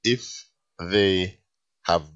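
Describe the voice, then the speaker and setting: A man in his sixties co-hosting a radio show, speaking in a measured, insistent way. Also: low voice, fairly bright tone, dull audio. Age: 60s. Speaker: radio co-host. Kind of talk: casual radio banter.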